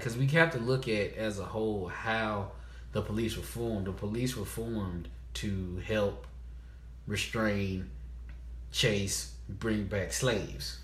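A man's voice: lowish voice, measured pace, fairly bright tone, echoey room. A man co-hosting a podcast in casual chat, talking in a laid-back, rambling, jokey way. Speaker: podcast co-host.

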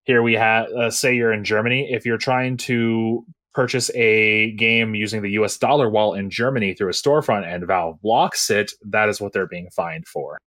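A man's voice: fairly low pitch, normal speed, few pauses, a bit bright, dry recording. A man co-hosting a casual gaming news chat, explaining stories with lots of ums and restarts. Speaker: podcast co-host.

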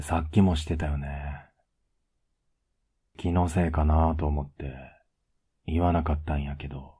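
A man playing a teasing, affectionate young boyfriend in a soft ASMR role-play, with a low, husky voice. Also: narrow, tinny audio, heavily acted. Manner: laid-back, gently teasing, intimate.

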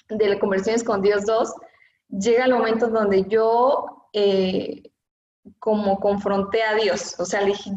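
Earnest Mexican woman in an echoey room. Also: mid-range voice. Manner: earnest, emotional, heavy use of fillers. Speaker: interview guest. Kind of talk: personal testimony in a conversation. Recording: echoey, dull lo-fi room sound.

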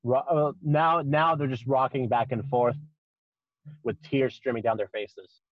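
A man improvising narration as a tabletop game master, haltingly, often repeating phrases. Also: mid-range voice, fairly even intonation, dry recording, highs cut off.

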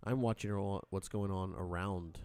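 A man's voice: low voice, steady tone, normal speed, a little mellow, clean tone, dry recording. A man hosting a radio show in casual, jokey banter with his co-hosts.

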